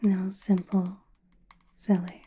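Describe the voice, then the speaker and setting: Slow whispering Scarlet Witch, acted by a woman. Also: mid-range voice, little pitch movement, warm tone. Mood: calm, mysterious. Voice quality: breathy, airy whisper. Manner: slow, soothing, deliberate, with musing pauses. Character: confident, mysterious witch, attentive fortune teller. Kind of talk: whispered ASMR roleplay.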